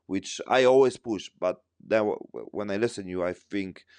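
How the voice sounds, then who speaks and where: A man hosting a podcast in casual talk, halting and searching for his words as he thinks aloud. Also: fairly low pitch, darkish tone, clear, resonant tone, no echo. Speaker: podcast host. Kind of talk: casual conversation.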